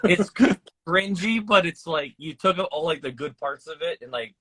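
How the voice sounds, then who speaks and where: A man interviewing a musician for a record label, asking loose, halting questions in casual chat. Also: on the high side, lively intonation, bright, forceful tone, slightly rough, no echo.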